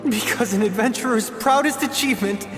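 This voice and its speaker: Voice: mid-range voice, fairly quick, natural voice. An actor voicing a timid, admiring young male adventurer in a video game, earnest and a little hesitant. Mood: tearful, earnest. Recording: echoey hall reverb over game music.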